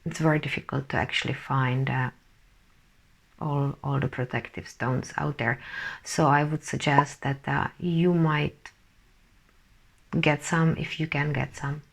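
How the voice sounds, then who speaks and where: A woman channeller gives a casual update on spiritual energy, speaking haltingly as she searches for words and often falling to a soft whisper. Her voice sits low, with a steady tone and a creaky texture.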